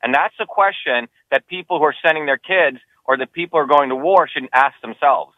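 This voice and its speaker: A man from New Jersey makes his case as a political candidate, pressing each point emphatically, his voice a bit high. The sound is thin and tinny, like a phone line, with no room echo. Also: brisk. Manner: emphatic, insistent, rising pitch when heated. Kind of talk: campaign interview answers.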